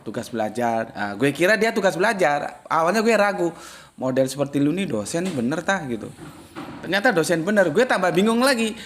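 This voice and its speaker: A man giving a casual religious lecture as an Islamic study teacher, blunt and slangy, jumping from loud emphatic bursts to low muttered asides. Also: sing-song, fairly quick, slight background noise.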